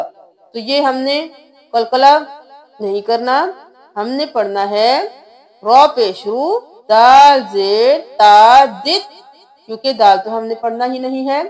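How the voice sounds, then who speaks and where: Woman recitation teacher, high-pitched and slow, spelling words out letter by letter before chanting them. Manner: spells letters and vowel marks slowly, then chants the words.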